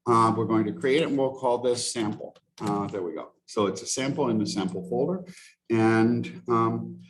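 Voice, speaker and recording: A man leading a teaching workshop as a casual live software demo, thinking aloud and correcting himself as he goes, heard over a video call. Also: medium pitch, moderate pace, a little hiss or hum.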